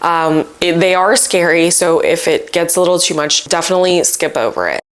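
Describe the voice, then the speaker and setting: Young woman, low-pitched, casual storyteller. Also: a little fast, a little hiss or hum. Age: young adult. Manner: conversational, informal. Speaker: video host. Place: small indoor bedroom.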